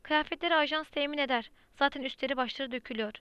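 A woman's voice: sits high, fast, fairly bright tone, no room sound. A woman reading the lines of a brusque, impatient woman who collects children in an audiobook. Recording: dry, slightly muffled lo-fi recording.

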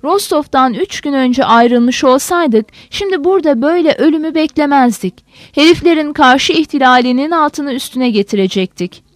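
A woman's voice: high-pitched, normal speed, no room sound, close to an everyday voice. A woman voicing a bitter male prisoner who rails in a raised, heated voice about being betrayed, read for an audiobook. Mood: rueful. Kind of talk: audiobook character voice.

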